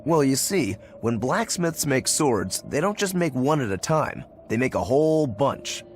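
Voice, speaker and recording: A man voices an earnest, easygoing, determined young swordsman in an English video game dub, explaining things in a straightforward way. His mid-range voice is sing-song and measured in pace, with slight background noise.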